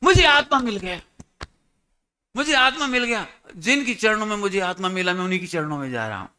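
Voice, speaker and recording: A man's voice: high voice, very animated, very fast, bright, forceful tone, heavily acted. A man playing an overjoyed young son, voiced in a sermon story with ecstatic exclaiming. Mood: elated.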